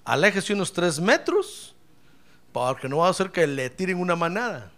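A man preaching a lively, humorous sermon as a pastor, speaking fervently, crying out praise and often calling his listener brother. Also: high voice, normal speed. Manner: fervent, jokes, cries out praise, keeps addressing "hermano".

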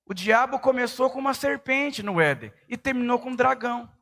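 A middle-aged man preaching a sermon as a pastor, emphatic and rising to shouts at his peaks. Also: very high voice, expressive, fairly quick, creaky.

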